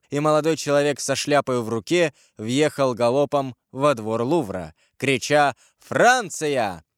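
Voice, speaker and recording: A man reading a historical novel aloud as an expressive, measured audiobook narrator. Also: medium pitch, smooth, no room sound, clean studio sound.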